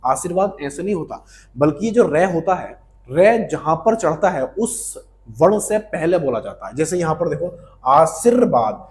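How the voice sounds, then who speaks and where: A man teaches grammar in a friendly, chatty way and keeps asking the viewer questions. He sits a little high in pitch and answers each question himself, saying the key terms twice. It sounds like a grammar lesson for exam prep. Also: darkish tone.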